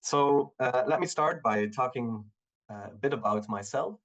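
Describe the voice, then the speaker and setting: A man in his thirties from Belgium, giving a relaxed talk over a video call, with many fillers and restarts. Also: mid-range voice, unhurried, lo-fi sound. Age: 30s. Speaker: guest speaker.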